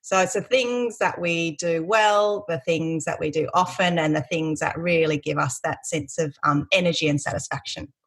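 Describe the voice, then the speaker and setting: A woman's voice: deep voice, normal speed, hardly any pauses. A woman career coach being interviewed on a podcast, speaking with enthusiasm and a smile in her voice as she explains things.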